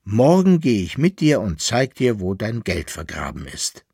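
A man voicing an eager, talking poodle dog in a storybook reading, with a husky, lively voice. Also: fairly low pitch, no room sound, studio quality, heavily acted. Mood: excited. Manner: eager, quick to protest.

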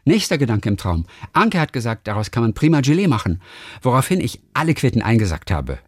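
A man hosts a relaxed podcast and reads listener mail aloud, stumbling and restarting as he goes. His voice swings widely up and down as he tells the stories. The recording is close and dry, with no room sound. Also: medium pitch, fast, dry recording. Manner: lively, animated storytelling with many restarts. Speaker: podcast host. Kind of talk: reading listener mail in casual chat.

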